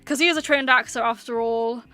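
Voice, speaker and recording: Woman streaming, casual chat, lots of um and like, kinda high voice. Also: fairly even intonation, brisk, bright, forceful tone. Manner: rambling, hesitant, many fillers. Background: faint background music.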